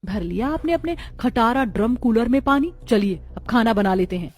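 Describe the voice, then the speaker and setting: A woman's voice: on the high side, animated, moderate pace. A woman voicing a jealous elder sister-in-law who mocks and snoops with sarcasm. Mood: taunting. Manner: taunting, sarcastic.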